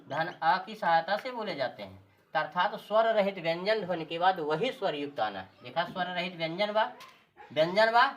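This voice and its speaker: A woman's voice: on the low side, a bit bright. A woman teaching a grammar lesson, repeating key terms and answering her own questions. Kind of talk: classroom-style grammar lesson.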